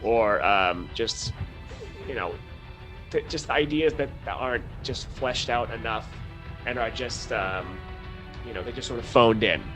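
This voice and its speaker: A man co-hosting a podcast, talking at a middling pitch in a blunt, wry way, full of "you know" and "um". Faint music sits under his voice. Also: measured pace, low-quality recording. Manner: blunt, wry, many fillers. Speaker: podcast co-host. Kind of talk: casual chat.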